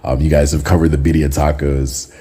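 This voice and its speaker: Deep, husky-voiced Jamaican-born man. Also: level tone, a little fast, dark tone. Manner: conversational, often tags lines with "right?". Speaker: podcast host. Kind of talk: casual solo podcast talk.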